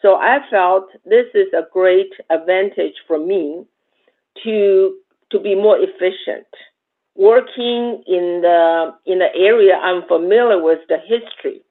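Woman nonprofit founder, slow and hesitant, thin phone-like sound. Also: medium pitch. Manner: hesitant, many fillers, slow. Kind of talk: interview answer. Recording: tinny phone-like line.

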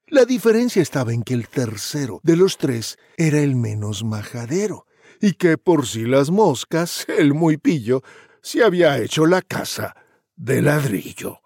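A man's voice: fairly high pitch, big pitch swings, unhurried, darkish tone, no echo, studio quality. A man reading a rhyming children's tale aloud in a playful, theatrical, chuckling way. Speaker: storyteller.

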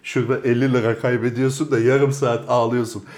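A man co-hosting a comedic talk show, telling stories, laughing often and trying to calm his partner. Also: mid-range voice, brisk. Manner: storytelling, laughing, placating. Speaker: co-host. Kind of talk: comedic casual banter.

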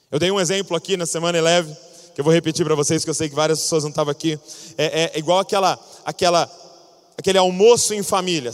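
High-voiced preacher in a reverberant hall. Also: male voice. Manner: animated storytelling, acting out scenes. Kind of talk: sermon. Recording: long reverb of a large hall.

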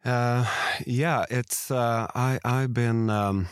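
A middle-aged man answering casually as an interview guest, hesitant and halting as he thinks aloud. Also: mid-range voice, steady tone, smooth, no echo, clean studio sound.

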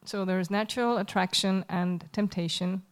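A woman's voice: mid-range voice, fairly even intonation, moderate pace, clean tone. A woman giving a live spoken translation of a sermon in church, hesitant and searching for words as she goes. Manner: hesitant, searching for words with fillers and self-corrections. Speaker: interpreter.

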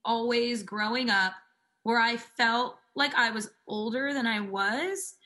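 A woman's voice: fairly high pitch, slow, sharp tone. A woman in her twenties, a singer telling stories in a casual interview, chatty and full of "like" fillers. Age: 20s. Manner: chatty, fills speech with "like". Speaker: singer guest.

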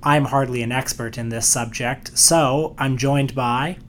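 Male podcast host, dry scripted delivery, average pitch, faint background noise. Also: steady tone, measured pace, a bit bright.

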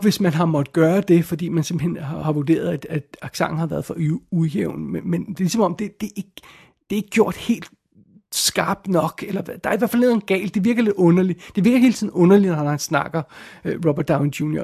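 Gravelly, husky man reviewing a film. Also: on the high side, dark tone. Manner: halting, with frequent restarts and repeated words.

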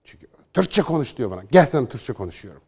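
A man's voice: medium pitch, quick pace, slightly rough. A man giving opinionated solo political commentary, sarcastic and combative, mocking opponents with put-on quotes. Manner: reads news passages aloud in a flatter tone.

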